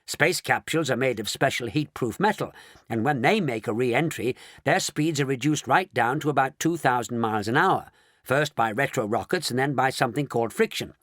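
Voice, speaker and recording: A man voicing an eccentric, excitable male chocolate maker, speaking in a theatrical, exclamatory way. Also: medium pitch, fairly quick, no room sound, studio quality. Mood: explaining eagerly.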